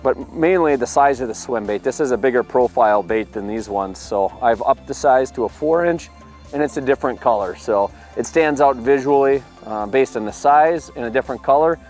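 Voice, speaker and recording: Out on a lake in a boat, a man in his thirties who produces fishing videos upbeatly explains his tackle and his catches in an on-the-water demonstration. He speaks a little fast in a medium, darkish voice, with faint music behind him.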